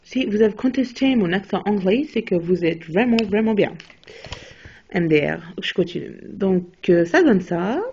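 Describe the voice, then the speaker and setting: A woman's voice: mid-range voice, dark tone, a little hiss or hum. A young woman chatting casually about her recent beauty purchases, hesitant, with many fillers and restarts, recorded on a phone. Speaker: beauty vlogger. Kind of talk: casual product haul chat. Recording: dull lo-fi phone video.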